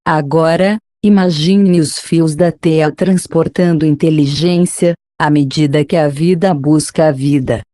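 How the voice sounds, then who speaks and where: Mid-pitched narrator, soft mellow tone, soothing spa-like guided meditation reading, measured, very dry recording. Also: fairly even intonation, dry recording. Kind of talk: scripted narration, audiobook-style reading.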